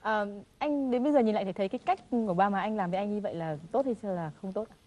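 A woman hosting a TV interview, asking quick, prompting questions. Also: medium pitch, warm tone. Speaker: TV talk show host.

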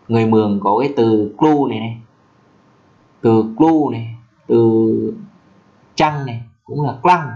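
A man giving a casual language lesson, repeating words slowly and drawing out example phrases. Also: medium pitch, darkish tone, highs cut off. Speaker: language teacher.

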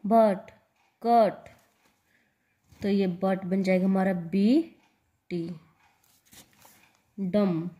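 Slow, mellow-voiced woman teaching shorthand. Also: mid-range voice, fairly even intonation. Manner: spells out letters and repeats example words. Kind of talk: slow step-by-step lesson.

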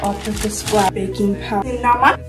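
A woman's voice: medium pitch, steady tone, brisk, far from the mic. Rambling teen vlogger filmed from across a home kitchen on a phone, music playing under her. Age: teens. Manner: chatty, self-mocking, rambling. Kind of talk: casual baking vlog. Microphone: phone camera at a distance. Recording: roomy kitchen, off-mic, music.

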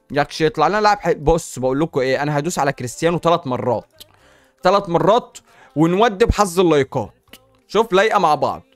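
Egyptian man hosting a gaming channel: high, quick and excitable, chatty with viewers, dry close sound, faint music behind. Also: no echo. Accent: Egyptian Arabic. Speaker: gaming YouTuber host. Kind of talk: casual gaming commentary while opening packs.

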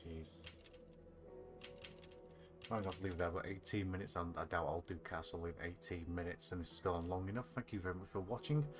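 Low-voiced sarcastic British man. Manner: sarcastic, sweary, self-deprecating. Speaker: gaming video host. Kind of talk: casual game commentary. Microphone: voice-over mixed over game audio. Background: game music.

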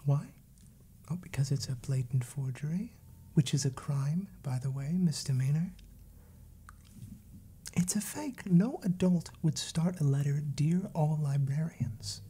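A man's voice: fairly high pitch, measured pace, mellow, slightly rough. A man in his twenties playing a fussy, exasperated, wordy librarian scolding a child in an ASMR role-play. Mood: exasperated, dismissive. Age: 20s. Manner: prim, wry, wordy.

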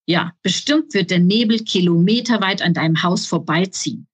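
A woman's voice: mid-range voice, unhurried, slightly rough. A woman reading aloud, voicing an impatient, know-it-all male kobold who scolds and mocks in a storybook. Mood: sarcastic. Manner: scolding, mocking.

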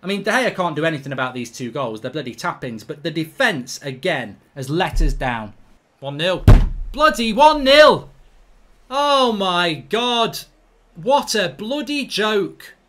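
Ranting football fan, bright voice. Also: male voice, sits high, sing-song, a little slow, a little hiss or hum. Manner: swearing, exasperated ranting that bursts into shouting. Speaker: football fan channel host. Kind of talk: live match reaction rant.

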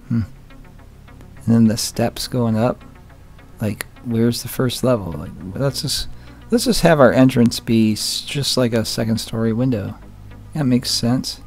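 A man's voice: mid-range voice, a little mellow. A man hosting his own channel, giving casual commentary on old photos with wry, joking asides. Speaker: channel host.

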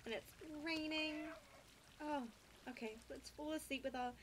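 A woman's voice: high-pitched, unhurried, background noise. A woman playing a video game, gushing, gasping and exclaiming with delight as she comments. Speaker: gaming video host. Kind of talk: let's play commentary.

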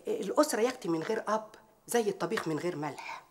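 Actress playing a sharp-tongued Egyptian maid, quick and brash, full of sayings; TV drama. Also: female voice, medium pitch, animated, noisy background, lightly acted. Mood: sly. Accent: Egyptian Arabic. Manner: proverb-spouting, brash, mocking. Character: bold sharp-tongued Egyptian housemaid, woman, middle-aged. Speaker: housemaid confronting her employer's rival. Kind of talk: TV drama acting.

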